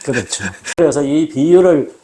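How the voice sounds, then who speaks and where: A man hosting a casual talk, explaining things in a measured, storytelling way, recorded indoors in an old house. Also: fairly high pitch, dark tone. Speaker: host.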